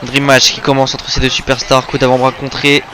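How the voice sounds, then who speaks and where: A man's voice: mid-range voice, monotone, brisk, a crowd in the background. A man doing play-by-play wrestling commentary, calling out the moves and exclaiming at the big ones. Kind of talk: play-by-play wrestling commentary of a video game match.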